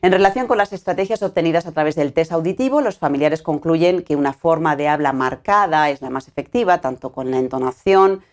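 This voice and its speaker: A woman giving an academic conference presentation, explaining results in a measured way with frequent filler words. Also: low-pitched.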